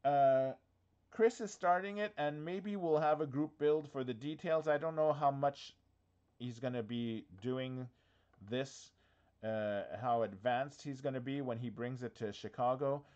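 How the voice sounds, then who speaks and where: A man's voice: medium pitch, measured pace, a little mellow, muffled recording. Chatty man thinking aloud in an office. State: has the hiccups. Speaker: diorama workshop host. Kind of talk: casual live office-cam walkthrough.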